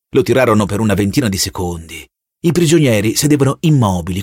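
A man reading a novel aloud as an audiobook narrator, measured and expressive. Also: lowish voice, slightly rough, no room sound, clean studio sound. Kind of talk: scripted narration.

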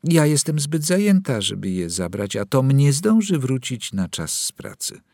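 A man's voice: mid-range voice, very animated, normal speed, creaky, a little mellow, no echo, clean studio sound, voice pushed up. A man voicing a nervous, worn-out mother who speaks apologetically about her children. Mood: anxious. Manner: anxious, apologetic.

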